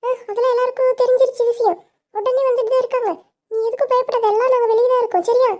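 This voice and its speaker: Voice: very high-pitched, level tone, racing, darkish tone. A child acting as a caring, fussy middle-aged mother who soothes and scolds her daughters. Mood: soothing.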